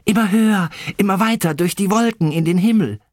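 A man doing a high, eager young mole boy. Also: a little fast, no room sound, studio quality. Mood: excited. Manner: high, excited shouting. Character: young male mole, dreamy and eager to fly.

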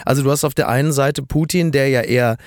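A man's voice: medium pitch, steady tone, fast talker, dry recording, studio quality. A man co-hosting a podcast in casual banter, rambling and hesitant with many fillers. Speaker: podcast co-host.

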